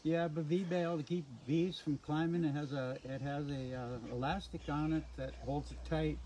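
A man's voice: fairly high pitch, steady tone, moderate pace, warm tone. A man giving a patient, joking beekeeping demonstration at his hives outdoors, picked up from a distance without a working mic. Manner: patient, explanatory, a little joking. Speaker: beekeeper teaching a hive demo. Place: outdoors at beehives. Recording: very noisy outdoor live stream.

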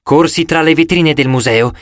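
A man narrating a first-person audiobook in an expressive storytelling manner, recorded close in a studio. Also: a little high, moderate pace, no room sound.

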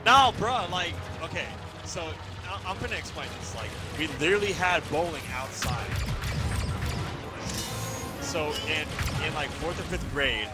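A man's voice: on the high side, expressive, a little slow. A young man in a casual gaming chat, insisting and explaining his story to friends. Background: loud game music and battle sounds.

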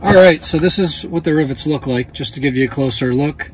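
Standing outdoors next to a jet ski, a dealer host in his thirties runs through a hands-on tutorial, speaking into a close-held phone camera in a relaxed, plain-spoken way with fillers as he works. His voice is on the high side and fairly quick, and the low-quality recording has slight background noise.

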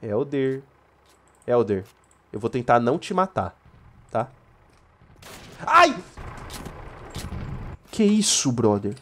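A man with a Brazilian Portuguese accent hosting a let's play, joking and yelling during firefights and haltingly reading mission text aloud. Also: mid-range voice, big pitch swings, slight background noise. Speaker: gaming channel host.

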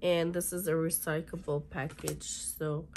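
Her voice low, level and somewhat dark, with a little background hiss or hum, a thirties beauty vlogger talks through an unboxing in a small indoor bedroom with a fluffy chair. A cold has made her hoarse, raspy and congested, and she reads product labels aloud haltingly.

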